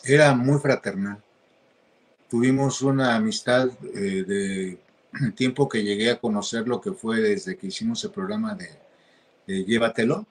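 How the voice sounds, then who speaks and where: A man answering interview questions in a hesitant, halting way, with many restarts. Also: fairly low pitch. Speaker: interview guest.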